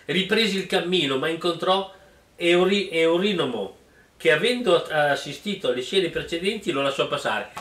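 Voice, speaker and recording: A man's voice: on the high side, moderate pace, distant mic. A man doing a mock-dramatic reading of a silly story, stopping for joking asides and mocking remarks. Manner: animated, mocking, breaks into laughter. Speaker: reader and comic commentator. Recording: roomy, off-mic sound.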